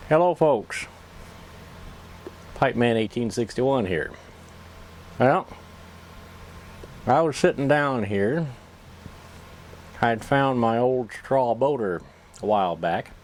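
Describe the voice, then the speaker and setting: A man's voice: medium pitch, expressive, takes it slowly, pauses often, a little hiss or hum. A man chatting casually to camera in a folksy, rambling, self-deprecating way, as if with a pipe in his mouth. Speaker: pipe-smoking YouTube vlogger.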